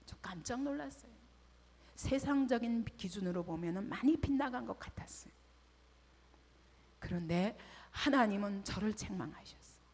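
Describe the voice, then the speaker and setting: A middle-aged woman pastor preaching an emotional sermon, dropping to hushed whispers and rising to loud cries. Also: mid-range voice, expressive, moderate pace, pauses often, breathy edge. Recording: long hall reverb.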